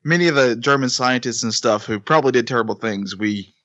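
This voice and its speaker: A man's voice: mid-range voice, a little fast, fairly bright tone, no room sound, highs cut off. A man in his thirties with a mid-range voice, talking casually and hammering his points home with repetition. The recording is dry and close. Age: 30s. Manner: emphatic, repeats himself for effect. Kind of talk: casual chat.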